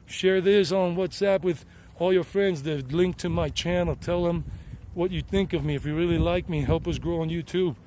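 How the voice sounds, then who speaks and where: American man in his thirties, rambling casual vlogger, mellow tone, outdoor camera audio with faint ambience. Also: high-pitched, steady tone, normal speed, few pauses, slight background noise. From United States. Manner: chatty and rambling, with frequent restarts. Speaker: vlogger and tour guide. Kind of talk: casual hiking vlog. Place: outdoors on a hilltop trail near a highway. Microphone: handheld camera.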